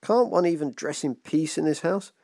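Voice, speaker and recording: A man voicing a prim, fussy spinster schoolteacher, raised high and shrill in exasperation. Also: moderate pace, creaky, dark tone, dry recording, studio quality. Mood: exasperated.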